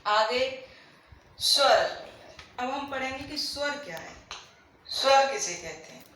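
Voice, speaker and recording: A woman's voice: high voice, lively intonation, slow pace, sharp tone. A woman teaching a grammar lesson. She asks questions and answers them herself, and she repeats the key points. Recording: very echoey room, faint background noise.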